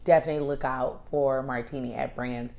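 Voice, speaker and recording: A woman's voice: extremely low pitch, fairly even intonation, fairly quick, a little mellow, muffled recording. A wheezy-voiced woman co-hosting a casual podcast, speaking emphatically and repeating phrases in lists. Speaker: podcast co-host.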